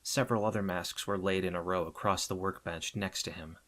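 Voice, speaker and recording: A man with a fairly low voice narrates an adventure audiobook in a measured way. He softens toward the ends of his phrases. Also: fairly even intonation.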